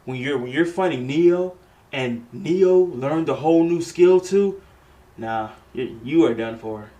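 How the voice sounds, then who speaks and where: Slow-talking man reacting casually. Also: on the high side, muffled recording. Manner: animated, repeats words, exclamatory. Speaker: reaction video host.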